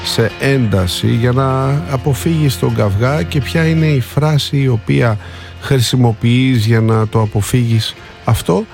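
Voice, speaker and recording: A man's voice: medium pitch, gravelly, soft background music. A man co-hosting a casual radio show, reading listener messages aloud and joking along. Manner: lively, reads listener messages with acted quotes.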